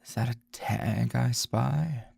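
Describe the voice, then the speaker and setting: Here a man heavily acts the part of a grumpy middle-aged teacher in an intimate ASMR roleplay, a lover who teases and is possessive. His low, husky, gravelly murmur has a darkish tone and a slow drawl, with a fond, teasing feel.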